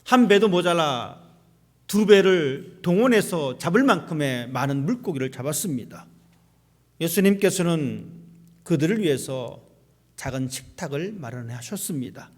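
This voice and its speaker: A man's voice: fairly high pitch, expressive, normal speed. A male pastor preaching a sermon in a church sanctuary, asking the congregation rhetorical questions. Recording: long hall reverb.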